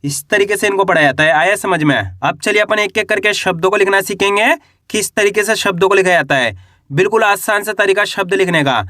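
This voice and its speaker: A man teaching reading and writing, slowly sounding out syllables and asking his listeners questions. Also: sits high, bright, forceful tone, dry recording, studio quality. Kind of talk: Hindi reading and writing lesson.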